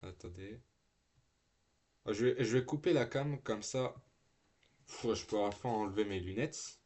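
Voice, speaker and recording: A man's voice: on the low side, measured pace, a little mellow. A teenage boy live-streaming from home, chatting loosely with slang and swearing, full of restarts and trailing fillers. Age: teens. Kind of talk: casual live-stream chat.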